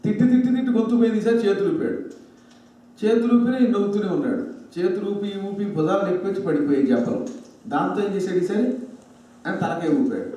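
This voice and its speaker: Man, high voice, mellow tone, storytelling religious discourse, echoey hall, heard from a distance. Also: quick pace. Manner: animated storyteller acting out characters' lines. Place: large hall with a microphone.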